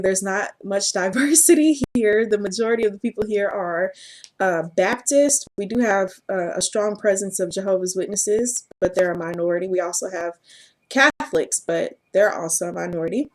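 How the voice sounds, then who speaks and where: A woman telling her personal story to camera in an earnest, halting way, often laughing at herself. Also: medium pitch. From Southern United States. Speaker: vlogger.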